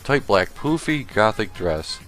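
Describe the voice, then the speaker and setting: A man doing a comedic read-aloud of a badly written story, deadpan and halting as he stumbles over the text. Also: on the low side, faint music behind. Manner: slow, halting, deadpan reading broken by laughter. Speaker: stream host reading a fan fiction aloud. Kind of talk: comedic dramatic reading.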